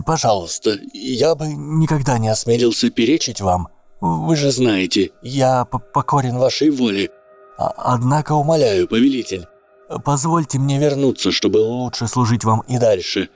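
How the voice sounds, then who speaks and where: A man's voice: mid-range voice, darkish tone, pitched above the performer's own voice, close to an everyday voice. A man voicing a cowardly male servant who stammers and pleads in a shaky, distorted voice.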